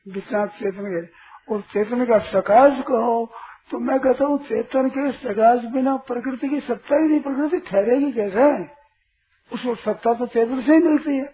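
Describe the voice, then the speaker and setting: A man's voice: very high-pitched, moderate pace. A man giving a spiritual discourse to an audience as a teacher, asking rhetorical questions and sternly correcting a questioner. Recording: tinny lo-fi recording with faint hiss.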